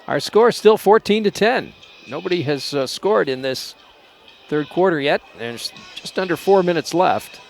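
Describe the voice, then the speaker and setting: A man's voice: a little high, moderate pace, vocal fry. Unpolished small-station football announcer, man. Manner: relaxed, unpolished, hesitant over names. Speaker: play-by-play announcer. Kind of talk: local college football commentary.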